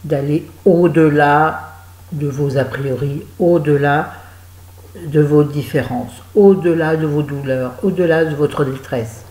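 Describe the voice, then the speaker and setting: Woman, casual book review vlog, chatty and rambling, warm mellow tone, echoey room. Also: low-pitched, slow pace. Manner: chatty and digressive, talks to viewers directly.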